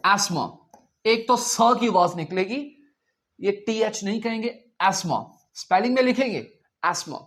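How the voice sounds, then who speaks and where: A man from India teaching English pronunciation, who says each word slowly several times and quizzes the listener. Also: high-pitched. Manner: drills words slowly, repeating them and quizzing the listener. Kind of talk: spoken language lesson.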